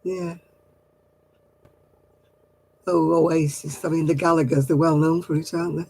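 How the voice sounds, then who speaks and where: An older livestream host from Royton, Oldham, England, answers live comments in a rambling, homely manner, chuckling often, her accent a mix of Oldham and Manchester. She speaks fairly quickly in a low, husky, darkish voice with vocal fry and a flat delivery. The recording is dry and the audio is poor.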